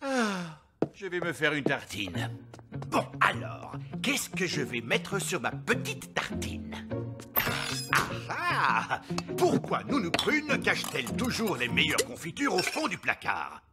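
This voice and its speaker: Un homme jouant un roi des fées d'âge mûr, grognon et emphatique, dans un dessin animé. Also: male voice, a little high, huge pitch swings, takes it slowly, exaggerated voice. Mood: impatient. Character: middle-aged fairy king, hungry, grumbling, blustering. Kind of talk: dubbed children's cartoon acting. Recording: loud music over the voice.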